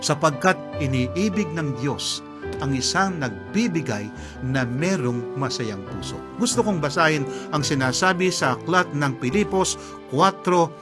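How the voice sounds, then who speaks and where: A man's voice: fairly high pitch, expressive, unhurried, over music. A pastor delivering an earnest radio sermon, telling stories and calling his listeners friends.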